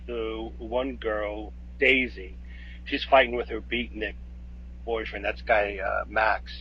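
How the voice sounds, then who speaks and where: A man's voice: fairly low pitch, steady tone, slow pace, slight background noise. A man co-hosting a podcast, retelling a film's plot step by step in a hesitant, casual way. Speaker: podcast co-host. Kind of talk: casual film discussion. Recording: dull lo-fi podcast audio.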